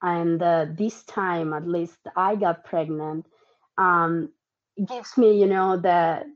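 Speaking slowly with a lowish voice, a woman of Argentine and Italian background who was raised in Italy chats as a podcast guest. The casual interview is hesitant, with frequent ums and restarts, captured in dull lo-fi audio.

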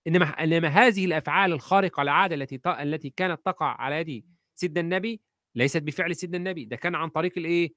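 A man's voice: a little high, rapid-fire, fairly bright tone, dry recording, studio quality. A male teacher with an Egyptian accent, quizzing students in an online lesson and repeating key phrases. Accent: Egyptian Arabic.

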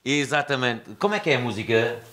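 A man's voice: mid-range voice, expressive, fast talker, fairly bright tone. Chatty man with a European Portuguese accent. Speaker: band member. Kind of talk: casual interview chat.

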